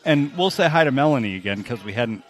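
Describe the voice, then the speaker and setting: A man co-hosts a podcast and tells stories with wry, dry humor. His pitch is about average for a man. He talks in an easy, conversational way. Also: animated, quick pace, soft background music. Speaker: podcast co-host. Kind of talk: casual comedic chat.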